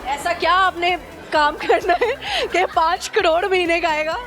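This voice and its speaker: A woman with a Pakistani accent hosts a casual street vox-pop, bantering playfully, teasing people and echoing their answers back as questions. Her voice is very high-pitched and a little slow. Music and crowd chatter sit behind her.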